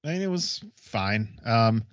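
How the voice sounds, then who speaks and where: A man co-hosting a casual wrestling recap, commenting in a halting, informal way. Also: on the low side, very animated, no room sound, highs cut off. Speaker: podcast co-host.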